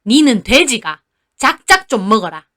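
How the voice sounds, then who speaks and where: A woman's voice: a little high, very animated, normal speed, sharp tone. A woman voicing a harsh old grandmother who favors her grandson, speaking bluntly in a Gyeongsang dialect. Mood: scolding. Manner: scolding, blunt.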